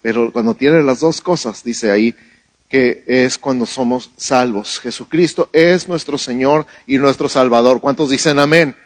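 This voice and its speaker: A man's voice: medium pitch, a little slow, dry recording. A man preaching a sermon in a conversational way, asking the congregation questions and having them repeat after him. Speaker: pastor.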